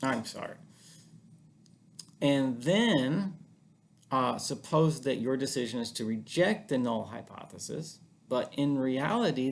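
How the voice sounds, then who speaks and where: A man with a mid-pitched, gravelly voice walks through a statistics lesson at home. He talks casually to the camera, with plenty of fillers and restarts as he explains. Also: slight background noise. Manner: casual, chatty explaining with frequent fillers and self-corrections. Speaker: statistics teacher. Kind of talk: informal recorded lecture.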